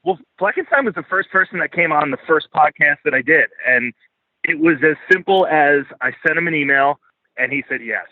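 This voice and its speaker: This Philadelphia-born American man talks quickly and animatedly in a fairly high voice as a guest in a casual, unscripted interview. Blunt, profane and self-deprecating, he comes through on a dry recording over a thin, phone-like line.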